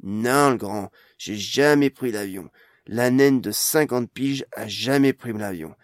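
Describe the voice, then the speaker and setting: A man voicing a blunt, anxious fifty-year-old dwarf woman in an audiobook, speaking in loud, exasperated outbursts. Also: mid-range voice, takes it slowly, dry recording, studio quality, natural voice.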